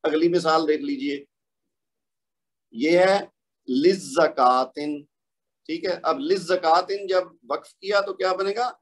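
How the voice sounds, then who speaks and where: A man teaching a recorded online lesson, explaining patiently step by step, asking the learner questions and slowing down to draw out example words. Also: sits high, fairly even intonation. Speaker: Quran recitation teacher.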